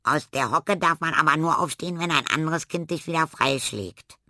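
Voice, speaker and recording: A cheeky, wild little schoolgirl from a children's storybook, chirpy and brash in a raised, bright voice, as a man reading the tale puts her on. She sounds unruly and full of herself. The recording is dry and close. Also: a little high, moderate pace, no echo, pitched above the performer's own voice. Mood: eager.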